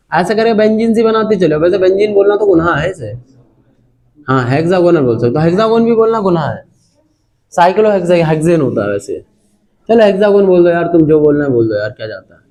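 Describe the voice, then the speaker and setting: A man's voice: high voice, animated, fairly quick, darkish tone. A young man teaching a chemistry class online, chatty and repetitive, constantly asking students questions and calling them brother.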